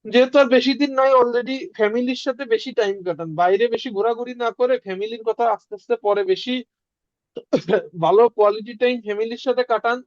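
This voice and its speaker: A woman with a fairly high voice leads a beginner language lesson. She says each sound twice and asks quiz questions. The recording is dry and a little muffled. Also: fast, darkish tone, dry recording. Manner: drills sounds with repetition and quizzing questions. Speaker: language teacher.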